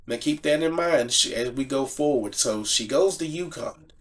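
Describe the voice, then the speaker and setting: A man's voice: mid-range voice, moderate pace. A man giving casual sports commentary, emphatic, restating phrases to drive each point home. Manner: emphatic, repeats phrases for stress.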